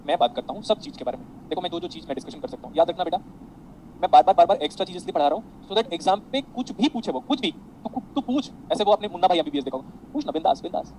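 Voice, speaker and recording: A man teaching a classroom lecture, animated, mixing explanations with anecdotes for his students. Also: high voice, quick pace, a little hiss or hum, poor audio. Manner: animated, addresses students as beta, tells anecdotes.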